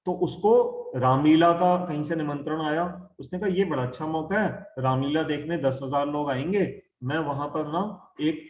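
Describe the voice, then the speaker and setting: A man teaching an online scripture class, explaining slowly and repeating key terms, asking questions and answering them himself. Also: a little high, echoey room. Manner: asks and answers his own questions. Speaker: Gita teacher. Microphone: video call.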